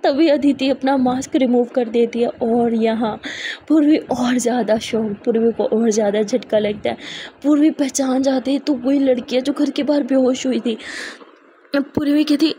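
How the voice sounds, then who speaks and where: A woman's voice: high-pitched, steady tone, normal speed, warm tone, slight background noise. A woman narrating a dramatic love story in a conversational, emotive way.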